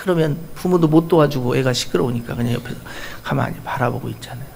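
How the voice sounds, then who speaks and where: A male pastor preaching a sermon in church, earnest and shifting between loud urging and soft asides. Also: mid-range voice, quick pace, gravelly, very noisy.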